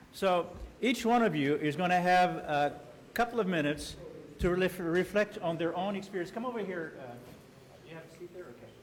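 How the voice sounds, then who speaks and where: A man moderating a conference panel, talking informally with many fillers as he introduces speakers. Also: fairly high pitch. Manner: informal, with frequent fillers, directing people around. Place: conference hall.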